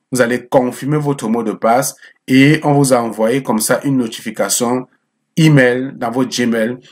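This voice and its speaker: A man's voice: mid-range voice, husky. A man walking viewers through a job application site in a chatty screen-share tutorial, often repeating himself and checking in with them. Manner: chatty, repeats words, calls viewers friends; checks in with frequent "ok?". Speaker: immigration advice YouTuber.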